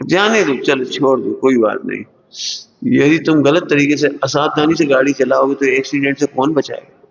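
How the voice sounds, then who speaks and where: A man's voice: mid-range voice, moderate pace, vocal fry. Man preaching in a reverberant hall. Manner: animated, full of rhetorical questions to listeners; acts out everyday quarrels in other voices. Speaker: religious teacher giving a discourse. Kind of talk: Hindi sermon to students. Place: large lecture hall at a school. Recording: long hall reverb, dull lo-fi sound.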